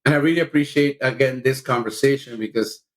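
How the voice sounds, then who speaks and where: Fast and fairly even in intonation, the medium-pitched voice of this middle-aged Salvadoran union leader comes through a low-quality recording. As a podcast guest he speaks with earnest passion for justice.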